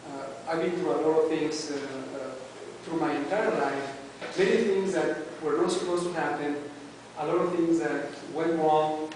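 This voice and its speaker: A club member with a Mexican accent, a native Spanish speaker, delivers a halting prepared speech full of "uh"s, restarts and filler pauses. His slightly high, somewhat mellow male voice is picked up far from the mic. The meeting room is very echoey, with a faint hiss beneath.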